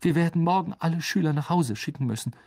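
A reader voicing a stern older female teacher, grave and clipped, slipping into a breathy whisper. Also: mid-range voice, fast, darkish tone, pitched above the performer's own voice, natural voice.

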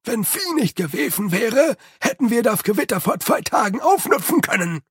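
A man voicing a grumbling, hunched male manservant who speaks in loud, emphatic bursts. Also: sits high, very animated, normal speed, husky, no echo, studio quality, pitched above the performer's own voice, full character voice. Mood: gruff.

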